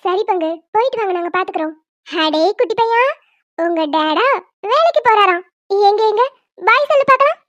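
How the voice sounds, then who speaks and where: A woman's voice: very high-pitched, animated, fairly quick, pauses often, fairly bright tone, no room sound, dull audio. A woman voicing a young doting aunt who coaxes a crying baby in sing-song baby talk. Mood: coaxing. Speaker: cartoon voice actor. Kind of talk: homemade cartoon dubbing.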